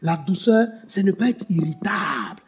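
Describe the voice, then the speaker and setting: A pastor preaching a sermon, swinging between loud emphatic lines and hushed ones. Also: male voice, high voice, lively intonation, moderate pace, husky.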